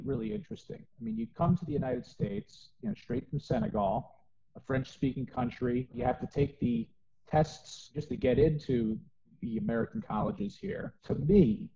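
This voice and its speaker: Gravelly man hosting a video call interview. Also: medium pitch, dark tone. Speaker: sports information director, interview host. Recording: dull lo-fi video call audio with faint noise.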